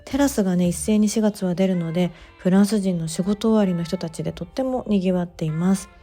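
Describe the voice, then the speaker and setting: A woman narrating her vlog in a relaxed voice-over, chatty and gently enthusiastic, with soft fillers. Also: fairly low pitch, brisk, faint music behind. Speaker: bookstore owner vlogger.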